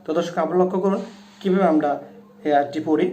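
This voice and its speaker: A man with a fairly high, mellow voice teaches Quran pronunciation, talking to his viewers step by step. He breaks the verses into words and chants them long and loud. The sound carries a noticeable room echo. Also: steady tone, quick pace. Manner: addresses viewers directly and repeatedly. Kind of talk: tutorial on Quran pronunciation and tajweed.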